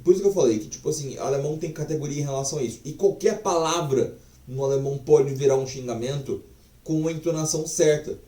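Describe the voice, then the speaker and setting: A language teacher gives a casual online lesson, his voice on the high side and warm, talking quickly from far off the mic. He's chatty and profane, full of fillers, and the room echoes around him.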